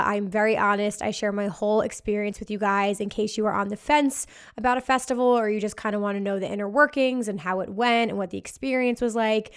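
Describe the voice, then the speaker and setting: A woman's voice: medium pitch, clear, resonant tone. A woman hosting a casual solo podcast with upbeat, giddy party-girl enthusiasm and a slightly worn post-party voice. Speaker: podcast host. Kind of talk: casual podcast monologue, festival recap.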